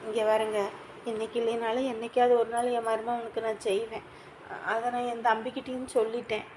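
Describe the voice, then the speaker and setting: A woman's voice: a little high, flat delivery, brisk, darkish tone, slight background noise, lightly acted, rough recording. An actress playing a shunned woman, speaking in a hurt, pleading and defensive way. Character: shunned woman, ashamed and wounded. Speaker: estranged sister of the host family. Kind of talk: village family drama acting.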